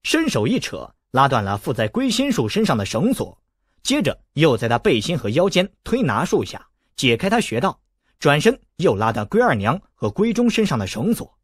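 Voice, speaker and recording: A man narrating a novel as an audiobook, with expressive storytelling. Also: a little high, moderate pace, breathy edge, no echo, clean studio sound. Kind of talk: novel reading.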